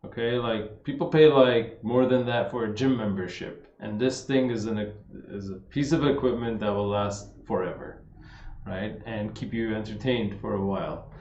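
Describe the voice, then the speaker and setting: A man's voice: lowish voice, normal speed, darkish tone, a little hiss or hum. Laid-back man in a roomy livestream. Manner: laid-back, says "man" and "like" a lot, reads questions aloud. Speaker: fitness coach answering viewer questions. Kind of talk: casual livestream Q&A. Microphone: streaming setup. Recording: roomy, slightly dull livestream audio.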